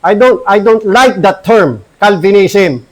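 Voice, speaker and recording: High-voiced Filipino pastor preaching. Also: male voice, expressive, low-quality recording. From Philippines. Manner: earnest, emphatic, slows for scripture. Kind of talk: Taglish sermon with Bible reading. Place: church.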